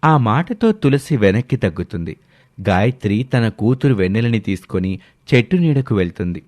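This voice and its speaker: Casual one: guy reading a story aloud, lowish voice, steady, dry sound. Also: normal speed, dry recording. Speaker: narrator. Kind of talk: scripted story narration.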